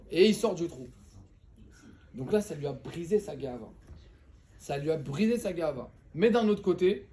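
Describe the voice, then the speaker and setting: A man with a high voice teaches a relaxed religious lesson, telling a parable in lively, slangy speech. He jokes with the people around him as he goes. Faint noise sits under his voice. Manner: animated, slangy and joking with listeners. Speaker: Torah teacher. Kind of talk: casual storytelling lesson.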